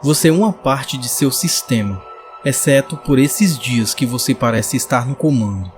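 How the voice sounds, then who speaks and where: A man's voice: medium pitch, lively intonation, moderate pace, close to an everyday voice. Man voicing a hesitant young reporter woman. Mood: probing. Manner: pleading, hesitant. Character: frightened young female journalist, earnest. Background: music.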